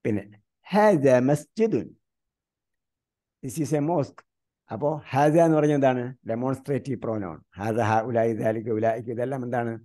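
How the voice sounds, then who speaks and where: Man, grammar teacher from India, online class, warm dark tone, quizzing students, slow recited terms. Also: mid-range voice. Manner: quizzes students with repeated questions.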